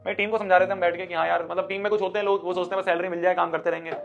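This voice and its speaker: A young man with a high, quick voice tells his students a story from his school days, jumping into heated speech voices as he plays out each scene. His sound is slightly muffled, with faint background music running beneath. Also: vocal fry. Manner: animated, acts out scenes in a fiery speech voice. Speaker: online teacher. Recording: slightly dull audio with soft background music.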